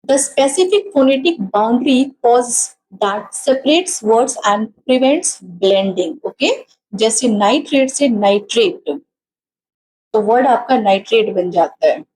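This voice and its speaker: A woman's voice: a little high, animated, darkish tone, poor audio. Tired Indian woman teaching exam prep. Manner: mixes Hindi and English, slow when reading definitions, rapid when explaining.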